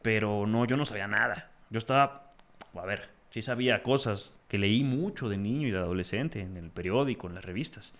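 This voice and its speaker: A young man with a Mexican accent, a guest in a casual interview, telling stories in an animated, slangy way. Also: on the low side, fairly quick. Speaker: guest, magazine founder.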